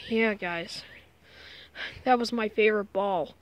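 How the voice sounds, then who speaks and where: A woman's voice: medium pitch, slow, lo-fi sound, slight background noise. A woman vlogging casually to her viewers, anxious and apologetic, often sighing and exclaiming. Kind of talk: casual vlog narration to viewers.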